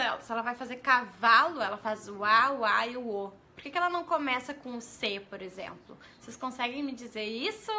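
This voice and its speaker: Slightly high and bright, her voice has a forceful edge, and the recording carries a faint hiss or hum. She's a Brazilian teacher trainer leading a livestream, greeting viewers by name, posing questions, and carefully spelling letters out one at a time.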